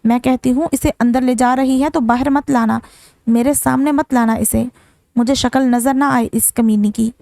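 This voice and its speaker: A woman's voice: steady tone, moderate pace, gravelly, dark tone, dry recording, clean studio sound. A woman voicing a bitter, scolding old mother-in-law who rants shrilly. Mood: shrieking. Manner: shrill, ranting.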